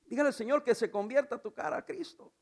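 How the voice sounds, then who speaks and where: High-voiced preaching pastor, a man. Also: fast talker. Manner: animated preaching with rhetorical questions and humor. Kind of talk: sermon.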